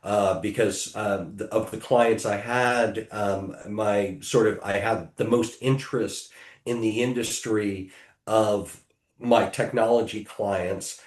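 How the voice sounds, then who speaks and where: Middle-aged American man, low-ish voice, hesitant and filler-heavy, recorded in an echoey room. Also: steady tone, takes it slowly. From United States. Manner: hesitant, many ums and restarts. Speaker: podcast guest, technology attorney. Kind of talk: casual interview answers.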